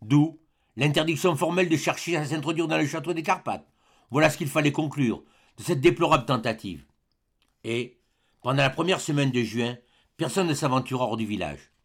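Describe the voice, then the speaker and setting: A man narrating a classic novel in a measured, deliberate reading style. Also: on the high side. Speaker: audiobook narrator. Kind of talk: scripted literary narration.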